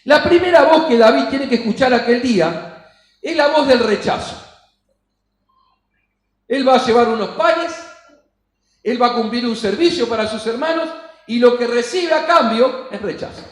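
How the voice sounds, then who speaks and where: A man's voice: extremely high pitch, lively intonation, moderate pace, long pauses, echoey room, rough recording. A man with an Argentine Spanish accent preaching a sermon in a church, emphatic and acting out the voices he quotes. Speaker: pastor.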